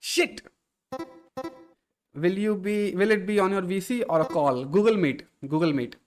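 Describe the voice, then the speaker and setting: A male streamer talks casually into a desk microphone while playing, reading viewers' messages out loud and answering them. His voice sits a bit higher than most men's. He stays easygoing and keeps calling people "bro". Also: a little slow, soft background music. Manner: relaxed, reads viewer chat aloud and answers, says "bro" often. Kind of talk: casual livestream chat.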